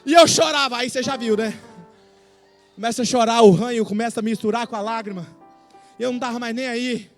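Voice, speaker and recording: A middle-aged man with a Brazilian accent, preaching an emotional testimony sermon, swinging from hushed to shouting. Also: very high-pitched, a little fast, soft background music. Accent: Brazilian Portuguese. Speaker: pastor. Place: church service with faint music behind.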